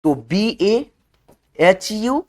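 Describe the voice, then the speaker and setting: A woman teaching spelling, walking her viewers through each word one letter at a time. Her pitch sits in an ordinary middle range, and she keeps pausing to make sure her viewers are following along. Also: expressive, darkish tone. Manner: keeps checking in with the viewers as friends. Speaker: online teacher. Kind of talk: step-by-step spelling lesson.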